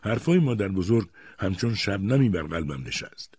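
A man narrating an audiobook in an expressive storytelling manner. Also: on the low side, breathy edge, dry recording, studio quality. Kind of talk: scripted narration.

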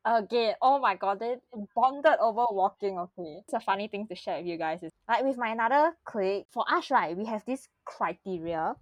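A young Singaporean woman chats in loose, colloquial Singlish. Her pitch swings widely as she teases and giggles her way along, and the sound is close and dry. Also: expressive, moderate pace, hardly any pauses, dry recording, highs cut off. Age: young adult. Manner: colloquial Singlish with sentence-end particles; teasing, giggly. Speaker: podcast host. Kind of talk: casual chat.

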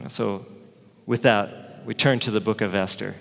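A man's voice: on the low side, fairly even intonation, unhurried, vocal fry, long reverb tail. A man preaching a sermon as pastor, telling the story in a conversational way with asides to the congregation.

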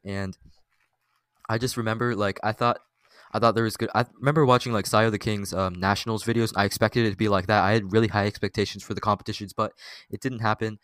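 A teenage boy hosting a casual podcast chat, talking haltingly with many fillers and restarts. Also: lowish voice, fairly even intonation, a bit bright, clear, resonant tone, no echo. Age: teens. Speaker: podcast host.

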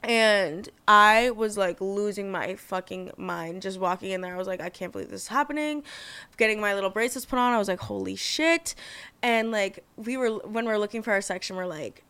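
A bubbly young woman chats on her podcast, gushing and swearing freely. Her voice is smooth and clear, recorded close and dry with no room sound. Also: mid-range voice, fairly even intonation, a little fast, few pauses, sharp tone, no room sound. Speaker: podcast host. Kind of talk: casual chat.

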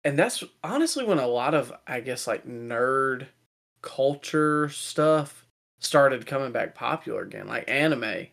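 A young man co-hosting a wrestling podcast in casual chat, relaxed and chatty, laughing now and then. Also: medium pitch, a little slow, vocal fry. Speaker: podcast co-host.

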